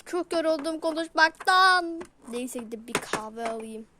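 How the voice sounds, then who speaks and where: A woman's voice: high voice, expressive, a little slow, background noise. A woman doing a toy role-play, voicing several pet characters and switching between playful character voices. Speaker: toy video creator.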